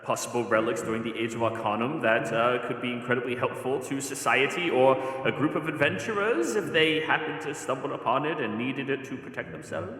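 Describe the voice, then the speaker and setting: A man role-playing at a tabletop game, speaking in a hesitant, halting way. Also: mid-range voice, animated, fairly bright tone. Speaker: tabletop game player or game master. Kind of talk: in-character tabletop role-play chat. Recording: roomy long reverb, distant mic, music underneath.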